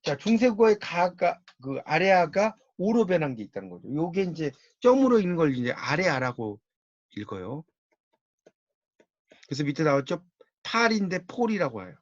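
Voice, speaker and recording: A man with a Gyeongsang accent lectures, explaining patiently and repeating each key word. His voice sits a little high. The recording is dry and somewhat muffled. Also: sing-song, moderate pace, no echo. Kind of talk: lecture on Korean linguistics.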